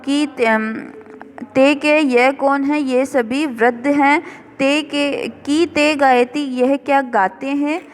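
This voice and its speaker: A woman teacher goes through a revision lesson at an unhurried pace, spelling words out piece by piece. Her voice sits a little high and carries a long reverb from the room around her. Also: steady tone. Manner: slow, careful word-by-word explanation. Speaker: school teacher. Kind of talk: recorded classroom revision lesson.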